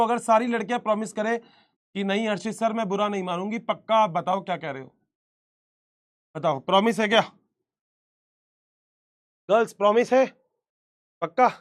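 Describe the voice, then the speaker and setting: A man teaching an online biology class, chatty and teasing, laughing at his own jokes. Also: high-pitched. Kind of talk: casual joking live class.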